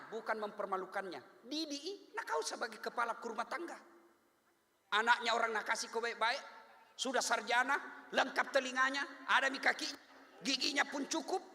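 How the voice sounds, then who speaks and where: A man's voice: very high-pitched, normal speed, creaky. A man with a Makassar Indonesian accent preaching a humorous Islamic sermon, acting out voices of husbands and wives, recorded in an echoey hall. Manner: animated, jokey, acts out voices of husbands and wives. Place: large hall.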